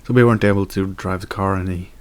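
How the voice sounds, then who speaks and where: A man's voice: deep voice, fairly even intonation, fast talker, darkish tone, clean tone. A young man chatting casually in a daily vlog, rambling with fillers and self-corrections. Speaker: video blogger.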